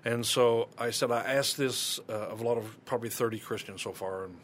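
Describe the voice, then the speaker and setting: A man co-hosting a casual podcast, telling a story in a halting way with many fillers. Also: mid-range voice, fairly bright tone, a little hiss or hum. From Kansas City area. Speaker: podcast co-host. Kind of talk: casual chat.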